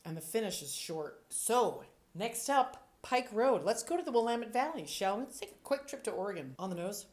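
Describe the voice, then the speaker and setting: A woman's voice: on the high side, lively intonation, moderate pace, hardly any pauses, a little mellow. A woman sommelier giving casual tasting commentary, thinking aloud with playful, descriptive asides. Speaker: sommelier reviewing wines.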